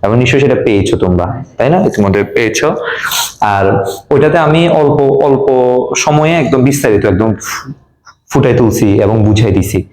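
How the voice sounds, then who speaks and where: A man's voice: medium pitch, animated, a little fast, darkish tone. Echoey Bangladeshi man teaching grammar. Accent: Bangladeshi Bengali. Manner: quizzing students, repeating key words. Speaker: English teacher. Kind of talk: classroom grammar lesson. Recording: echoey classroom.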